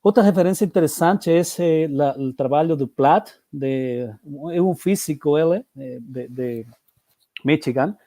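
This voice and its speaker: A man with a slightly high, soft-edged voice presents academic work in portunhol. His Spanish accent is plain, and he moves haltingly between Portuguese and Spanish words. The sound is close and dry. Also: no echo. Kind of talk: seminar presentation.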